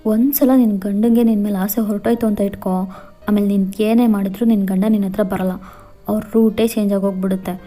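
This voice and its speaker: A woman's voice: medium pitch, steady tone, brisk, warm tone, faint music behind, lightly acted. Woman doing a lecturing middle-aged mother. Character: scolding middle-aged mother giving advice.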